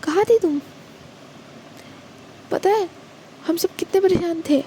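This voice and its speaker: A woman's voice: very high voice, takes it slowly, dark tone, a little hiss or hum, pitched above the performer's own voice. A woman voicing Meera, an emotional older sister who anxiously fusses over and scolds her younger sister, in a storybook reading.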